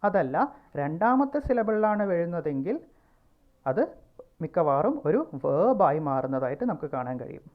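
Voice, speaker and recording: A woman teacher with a Malayali accent giving a pronunciation lesson, speaking slowly and repeating words to show where the stress falls. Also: fairly low pitch, sing-song, phone-quality sound.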